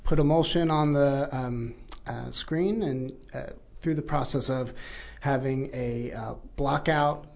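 A gravelly-voiced man talks through printmaking techniques as an interview guest. He explains patiently, filling gaps with ums and uhs. The recording sounds muffled and lo-fi. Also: medium pitch, fairly even intonation, takes it slowly, few pauses, darkish tone. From born in New Zealand, raised in Texas. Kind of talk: casual interview.

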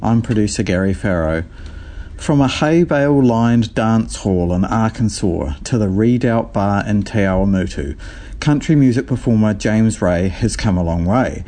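A man's voice: lowish voice, normal speed, dark tone. A man with a New Zealand accent reading a scripted introduction as a radio show host.

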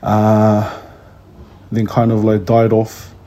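Man, thirties, New Zealand accent, casual interview chat, relaxed mellow tone, lowish pitch. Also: slow. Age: 30s. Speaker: kapahaka tutor, interview guest.

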